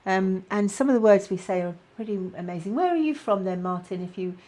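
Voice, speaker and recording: A middle-aged woman with a British accent hosting a casual live-stream chat, talking warmly to viewers with plenty of fillers. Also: mid-range voice, expressive, brisk. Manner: chatty, many fillers, reads out viewer comments. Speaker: spiritual guidance host.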